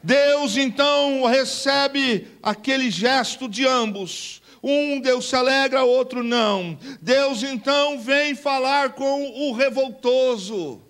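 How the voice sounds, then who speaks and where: A male Brazilian pastor preaching with a high voice. He mixes emphatic declarations with casual slang and calls on the congregation to repeat after him. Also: slow pace, few pauses, fairly bright tone. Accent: Brazilian Portuguese. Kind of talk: Pentecostal sermon.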